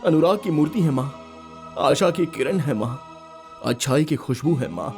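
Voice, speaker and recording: A young would-be actor, declaiming. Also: male voice, on the high side, animated, normal speed, a little mellow. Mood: dramatic. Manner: dramatic, declaiming. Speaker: aspiring actor. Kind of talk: Hindi film dub. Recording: film soundtrack with music behind.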